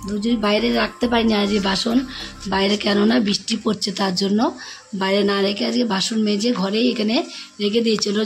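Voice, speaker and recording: A woman narrating a casual home vlog in a Bengali accent, chatting to her viewers as friends and speaking softly because she is unwell. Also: medium pitch. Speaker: vlogger. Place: home indoors.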